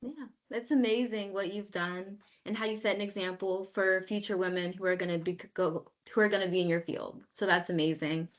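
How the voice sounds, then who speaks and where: A woman's voice: mid-range voice, steady tone, brisk, few pauses, lo-fi sound. A teenage girl interviewing with brief, encouraging replies. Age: teens. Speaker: interviewer, youth member. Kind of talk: casual conversation.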